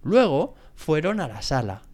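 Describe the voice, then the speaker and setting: A man narrating a children's story with an expressive, animated reading as a podcast host. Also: a little high, unhurried. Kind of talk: scripted bedtime story narration.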